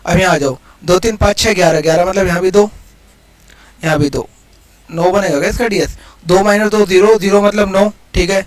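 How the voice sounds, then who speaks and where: A high-voiced man talks through a maths problem like a casual lesson. He explains each step aloud and rattles off digits as he works. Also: poor audio. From India. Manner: chatty, explains steps aloud, counts digits quickly. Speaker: maths teacher. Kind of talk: casual exam-prep lesson.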